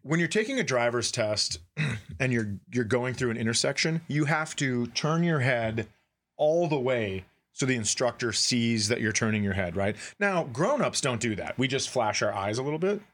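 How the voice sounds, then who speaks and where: Casual comedic storytelling comes from a middle-aged American man co-hosting a podcast, who acts out the lines with wry, profane humor. His voice is medium-pitched, animated, fairly bright and at a moderate pace.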